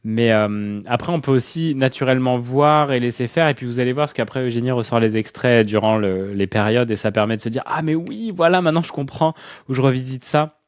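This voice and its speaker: A man co-hosting an astrology talk, speaking friendly and casually to listeners, sometimes slowing and searching for words. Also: mid-range voice, clear, resonant tone, dry recording, studio quality. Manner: friendly, addresses listeners directly, slow and searching at times. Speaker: astrology coaching co-host. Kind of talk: casual chat.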